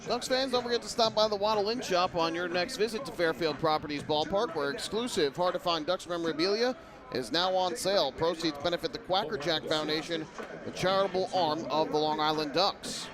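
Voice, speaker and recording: Male baseball play-by-play announcer, slightly high voice. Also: a little fast, a crowd in the background. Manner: descriptive, clipped play-by-play phrasing. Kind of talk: live sports commentary.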